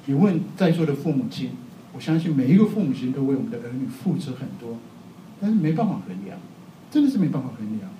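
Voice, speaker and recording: A man's voice: medium pitch, sing-song, fast talker, dark tone, distant mic. A middle-aged man from Taiwan, preaching a sermon in a chatty, self-mocking way and laughing often. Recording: echoey hall, faint background noise.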